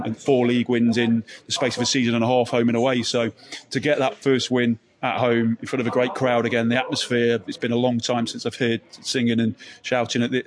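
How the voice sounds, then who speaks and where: A man, a football manager, giving a post-match interview with many hesitant ums and restarts. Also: mid-range voice.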